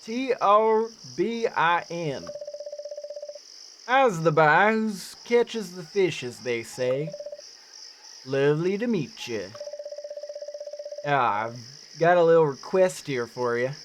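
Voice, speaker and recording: A streamer voicing a friendly male islander from a cozy game in an attempted Newfoundland accent, drawn-out and homely. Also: medium pitch, expressive, background noise. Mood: folksy. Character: friendly male islander, rough folksy fisherman type.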